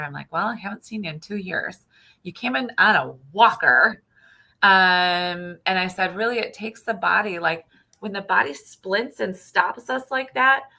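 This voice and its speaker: A woman chiropractor chatting casually, telling patient stories and acting out their lines with lively emphasis. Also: fairly low pitch, vocal fry, poor audio. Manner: animated storyteller, acts out patient dialogue. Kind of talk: casual chat.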